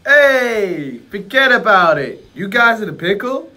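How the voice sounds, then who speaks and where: A man's voice: sits high, sing-song, measured pace, pushed and bright, voice pushed up, heavily acted. A man voicing a laid-back, streetwise male genie, speaking in a put-on American accent with chummy slang, recording lines for a comedy. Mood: easygoing. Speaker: voice actor.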